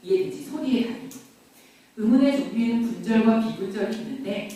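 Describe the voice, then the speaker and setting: A middle-aged woman teaching grammar to a classroom, lively, quizzing and teasing her students. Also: mid-range voice. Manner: lively, questions and teases students. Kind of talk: classroom lecture. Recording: very echoey classroom from far off.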